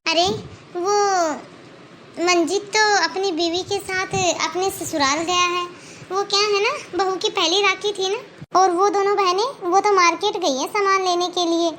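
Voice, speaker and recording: A stingy, dismissive middle-aged aunt from a cartoon, acted by a woman. She talks in a blunt, scolding way, with a high, bright voice. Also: fairly even intonation, measured pace, slight background noise. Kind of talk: Hindi cartoon voice acting.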